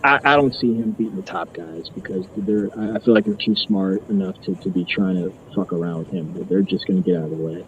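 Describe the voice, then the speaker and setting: A man hosting a casual sports chat, his voice muffled as if heard through a wall, talking in relaxed, loose restarts. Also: low voice, a little fast, few pauses, slight background noise. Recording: dull muffled lo-fi audio.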